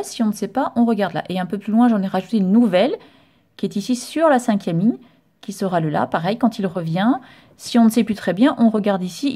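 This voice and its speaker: A woman's voice: mid-range voice, warm tone. A woman music teacher giving a patient solfège lesson, explaining step by step and chanting note names and rhythm syllables.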